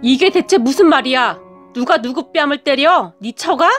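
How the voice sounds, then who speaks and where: A woman's voice: sits high, animated, moderate pace, a bit bright, faint music behind. A woman voicing a stern older father-in-law who scolds in a commanding way. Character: stern older father-in-law, gentle but fearsome when angry.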